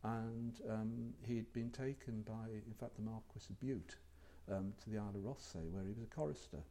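Being interviewed for an oral history, a retired English university lecturer reflects on his working life, hesitating often and saying um a lot. He speaks at a moderate pace in a mellow voice on the low side.

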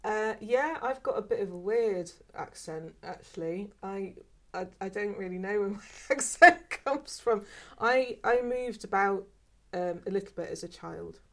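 Her voice is mid-range and unhurried, with hardly any pauses, yet she speaks hesitantly and often repeats words. She is a former archive worker from England in her fifties, with a mostly southern but mixed English accent, being interviewed for an oral history.

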